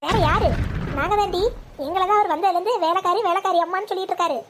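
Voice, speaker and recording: A sharp-tongued old mother-in-law from a cartoon, as a woman plays her, scolding in a very high, rapid voice. Faint ambience hums under the lines. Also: noisy background. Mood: indignant. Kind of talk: cartoon voice acting.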